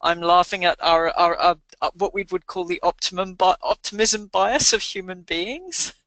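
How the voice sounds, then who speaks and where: A woman co-hosting a coaching call, measured and explanatory as she adds examples. Her voice is bright and forceful, her pitch mid-range, recorded close and dry. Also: no room sound. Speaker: travel researcher and co-host. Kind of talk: casual explanatory chat.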